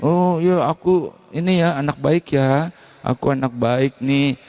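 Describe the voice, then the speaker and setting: A man's voice: mid-range voice, steady tone, unhurried, darkish tone, pitched above the performer's own voice, close to an everyday voice. A man voicing a gleeful dead man who greets his grandparents in a giddy, childlike way.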